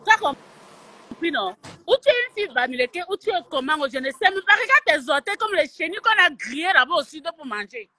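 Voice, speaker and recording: A woman's voice: high-pitched, big pitch swings, a little fast, sharp tone. A woman from Cameroon with a Cameroonian French accent, ranting in a heated live stream, taunting and confrontational and slipping into Italian, speaking close to a phone. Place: at home in Italy.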